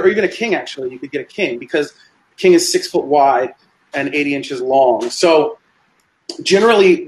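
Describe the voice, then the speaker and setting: A man's voice: on the high side, reverberant, low-quality recording. A man who designs tiny houses, reading out viewer questions and explaining answers in a live Q&A. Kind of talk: live Q&A chat.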